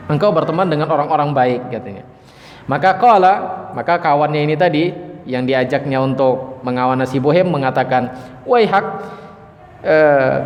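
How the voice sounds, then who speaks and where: A man preaching an Islamic study lecture, retelling a story by reading Arabic lines and then explaining them. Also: high-pitched. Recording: lecture hall with long reverb.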